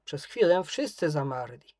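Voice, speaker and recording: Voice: medium pitch, big pitch swings, a little slow, a little mellow, dry recording, clean studio sound. A narrator reading a children's story aloud.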